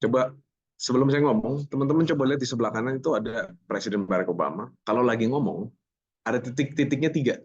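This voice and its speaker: Energetic male voice trainer, lo-fi audio. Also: mid-range voice, fast talker, husky. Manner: energetic, joking, mixes English words into his talk. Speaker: public speaking trainer. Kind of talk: online voice workshop. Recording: slightly muffled lo-fi audio.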